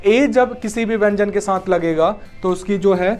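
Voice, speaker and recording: Male teacher, young, high-pitched, explanatory exam-prep lecture style, frequent rhetorical questions. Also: moderate pace, soft background music.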